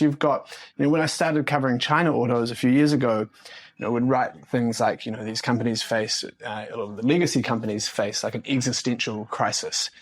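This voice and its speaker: A man speaks as a journalist guest at a relaxed roundtable. He thinks aloud in a reflective way and leans on plenty of fillers while he works out his points. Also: medium pitch. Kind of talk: casual roundtable discussion.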